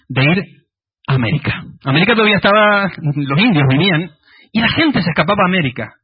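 A man, preaching a sermon in an animated way and acting out quoted prayers. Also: a little high, slightly rough. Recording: muffled lo-fi recording.

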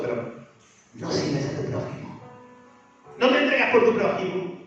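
A man preaching a sermon, asking the congregation rhetorical questions. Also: high-pitched. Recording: echoey, distant, dull church sound with faint music.

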